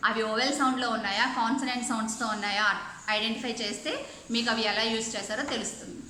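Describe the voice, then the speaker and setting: A woman teaching a class, her high, bright voice going through each point step by step and often asking whether students are following. The room is very echoey, with a faint hum of background noise. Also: fairly even intonation, fast talker. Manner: explains step by step, often checking with "okay?". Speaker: English teacher. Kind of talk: online class lesson.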